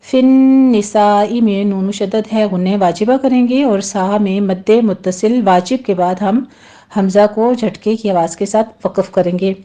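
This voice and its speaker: A woman's voice: medium pitch, dark tone. A woman teaching Quran recitation rules step by step, patiently explaining each sound and modelling the correct pronunciation. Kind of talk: tajweed lesson.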